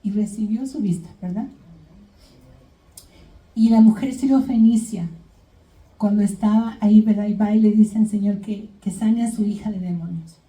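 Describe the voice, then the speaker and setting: A woman delivers a sermon in a deep, mellow, very dark-toned voice. She sounds distant from the microphone in an echoey church hall. She retells Bible stories and keeps checking in with her congregation. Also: normal speed, pauses often. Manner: addresses congregation as brothers and sisters. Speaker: preacher.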